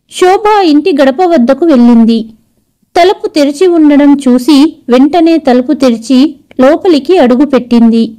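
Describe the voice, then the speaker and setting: High, mellow-voiced woman storyteller. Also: poor audio. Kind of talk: scripted story narration.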